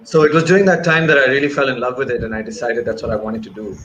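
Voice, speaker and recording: Racing through his answer, the man keeps a steady tone in a mid-range, slightly bright voice. He is a filmmaker in his thirties, raised in Bahrain and Malaysia, recounting his career as an interview guest over a noisy video call with wired earphones from an indoor room.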